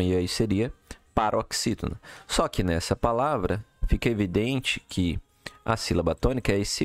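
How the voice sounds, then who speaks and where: In a recorded lesson, a man with a fairly low voice and no echo walks through exercise answers one step at a time. He explains carefully and checks in with the listener often, asking "tá?" and "beleza?"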